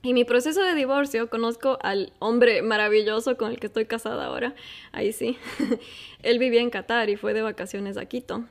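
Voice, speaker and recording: Woman, 30s, fairly high voice, casual storytelling, frequent laughs. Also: moderate pace. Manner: chatty, laughs often, lively asides to listeners. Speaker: host.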